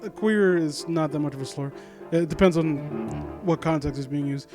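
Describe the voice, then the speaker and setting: This man, whose voice is a little high, speaks at a normal speed over background music. He hosts a critique series, mixing story reading with casual reaction commentary. Expect sardonic, informal delivery, mock-supportive remarks, and plenty of stumbles over his read lines.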